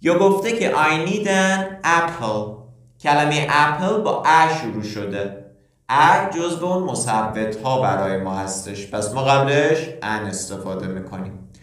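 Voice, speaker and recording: A man's voice: medium pitch, animated, a bit bright. Echoey man teaching grammar. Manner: explains step by step with questions to the learner. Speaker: English teacher. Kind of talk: grammar lesson. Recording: very echoey room, distant mic.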